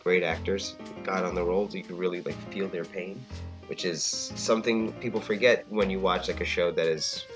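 A man's voice: low-pitched, steady tone, normal speed, over music. A man casually chatting as a podcast co-host, rambling and often asking "you know what I mean". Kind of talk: casual chat reviewing a TV drama.

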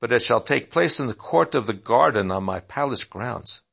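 A man's voice: mid-range voice, expressive, moderate pace, gravelly, a bit bright, husky, full character voice. A man reading out the lines of a proud male king who holds absolute power, in a commanding, declaring manner.

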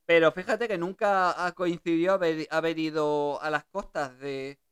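A woman hosts a relaxed radio conversation, her voice smooth and clear. She talks in a chatty, easygoing way and laughs readily between thoughts. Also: deep voice, moderate pace. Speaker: radio host. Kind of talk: casual radio chat.

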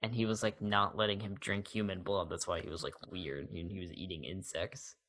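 Young man, podcast co-host, low and relaxed, fades at sentence ends. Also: brisk. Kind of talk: casual chat. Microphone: audio-only podcast mic.

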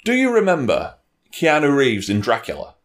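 This man, a film and game reviewer in a two-person discussion, talks at normal speed with a medium pitch that swings hugely. His casual reviews are wry and opinionated, peppered with swearing and mimicry through mock voices when he rants.

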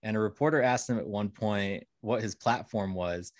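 A man's voice: fairly low pitch, normal speed, no echo, clean studio sound. A man hosting a casual podcast interview, asking questions and chatting with many hesitations. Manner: chatty, hesitant with fillers, laughs easily. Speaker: podcast host.

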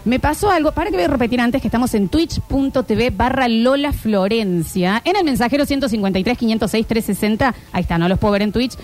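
This is an Argentine woman in her thirties hosting a relaxed chat show, telling stories in an animated way and dropping plenty of filler sounds. Her voice sits a little high for a woman. Soft music plays faintly behind her. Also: fast, hardly any pauses. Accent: Argentine Spanish. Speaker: streaming show host. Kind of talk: casual chat.

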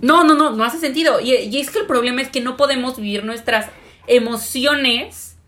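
A woman's voice: high voice, normal speed, a bit bright. A young woman, casually asking questions and thinking aloud on a podcast. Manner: questioning, searching for words with many fillers. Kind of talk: casual chat.

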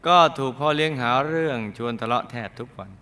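Bright, crisp male storyteller. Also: mid-range voice, fast. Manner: dramatic storytelling with playful asides and laughs. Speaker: storyteller host. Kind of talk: narrated true-life karma story.

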